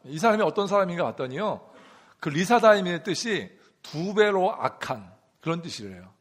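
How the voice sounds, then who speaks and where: A middle-aged man preaching a sermon in a church, asking the congregation questions and repeating key words in a rhythm. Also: sits high. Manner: call-and-response questions to the congregation; rhythmic repetition for emphasis. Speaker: pastor. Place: church sanctuary.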